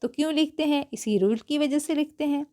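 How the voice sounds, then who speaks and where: A woman teaching English pronunciation to beginners in a patient lesson, spelling letters out slowly and often checking with "right?" and "okay?". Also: sits high, mellow.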